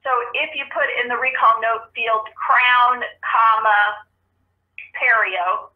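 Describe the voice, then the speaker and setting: A woman trainer on a speakerphone, patiently explaining software steps one at a time during a live training call. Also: on the high side, steady tone, takes it slowly. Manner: patient, practical, explains step by step. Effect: heard over a speakerphone. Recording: muffled speakerphone line.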